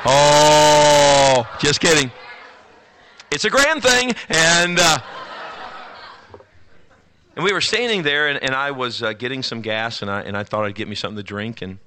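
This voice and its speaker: Man, pastor, animated emphatic sermon, bright forceful tone. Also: mid-range voice. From East Texas, US South. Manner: animated, emphatic preaching with folksy asides.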